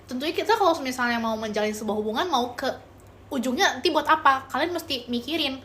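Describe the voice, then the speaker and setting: A woman's voice: high voice, quick pace, fairly bright tone, slight background noise. A young woman hosting a casual livestream, answering viewer chat with relationship advice and calling viewers pet names. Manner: affectionate, calls viewers pet names, mixes in English phrases.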